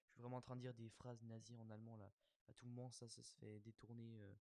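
A man's voice: medium pitch, flat delivery, quick pace, warm tone, no echo. A young man hosting a casual commentary show, talking hesitantly with lots of fillers and self-mocking asides. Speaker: host of an episode-breakdown show.

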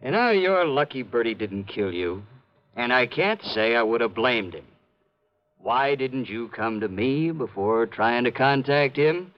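An actor playing a gruff, bossy police sergeant, a brusque old-time beat cop, in a 1950s radio detective drama. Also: male voice, mid-range voice, animated, a little slow, lightly acted. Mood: irritated, lecturing. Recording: dull vintage radio broadcast.

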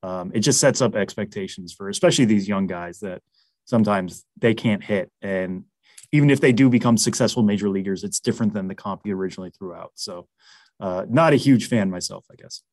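A man's voice: on the low side, fairly quick, a little mellow, no room sound. A man with a Massachusetts accent, analyzing baseball prospects in a casual interview, chatty with lots of fillers and restarts.

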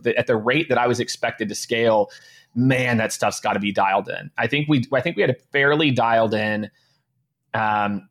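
A man in his late thirties talks as an interview guest, upbeat and casual. His voice sits at an ordinary middle pitch, and he keeps looping back with filler words and restarts as he explains. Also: fairly bright tone. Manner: casual and upbeat, heavy use of "you know" and restarts. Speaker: guest, sales leader.

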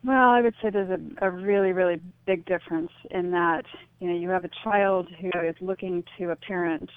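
Being interviewed as a radio guest over a phone line, a middle-aged woman earnestly explains her reflections, sprinkling in "you know." Her lowish voice is clean, with fairly even intonation and normal speed. The thin line is dry.

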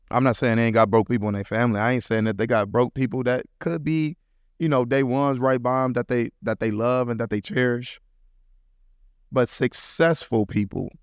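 A man's voice: medium pitch, dry recording. Slangy man preaching hustle, dry sound. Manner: preachy, repeats points, slangy, acts out quotes. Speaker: podcast host. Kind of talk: casual motivational monologue.

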